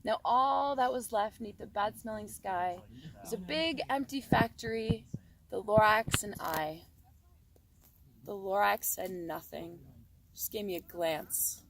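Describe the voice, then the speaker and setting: A woman reciting a rhyming children's story by rote in a theatrical, expressive storytelling manner. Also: medium pitch, slow pace, rough recording.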